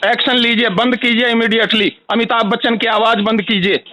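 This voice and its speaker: An angry man complaining loudly on a recorded phone call. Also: extremely high pitch, level tone, brisk, no room sound. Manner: furious, ranting, repetitive. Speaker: angry caller.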